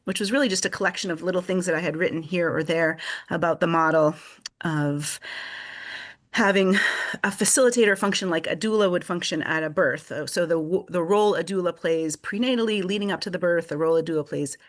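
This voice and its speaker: A woman and article contributor in a panel discussion over a video call, explaining her work thoughtfully with pauses and restarts. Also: lowish voice.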